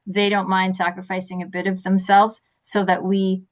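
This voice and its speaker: Animated woman coaching guest. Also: medium pitch, moderate pace. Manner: animated, acts out quoted voices. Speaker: success coach. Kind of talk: interview conversation.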